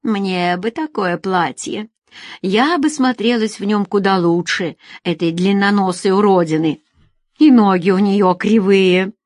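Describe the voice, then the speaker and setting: Woman reader doing a lazy, condescending young secretary, shrill, dry close sound. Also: unhurried, darkish tone, no echo, close to an everyday voice. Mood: bored. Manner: condescending, shrill when irritated.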